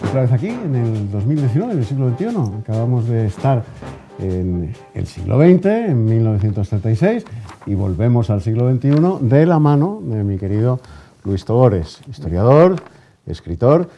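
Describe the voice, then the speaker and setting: The recording is muffled, with faint music behind this very animated, mellow, mid-range male voice at normal speed. He's a radio host from Spain with a Spanish accent, presenting a period news bulletin and then conducting a studio interview.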